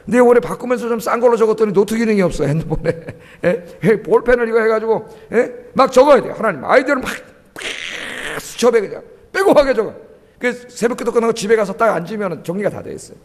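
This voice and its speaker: A man's voice: sits high, lively intonation, quick pace. A male pastor preaching a sermon, often asking the congregation questions and urging them on with emphasis. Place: church sanctuary. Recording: long church hall reverb.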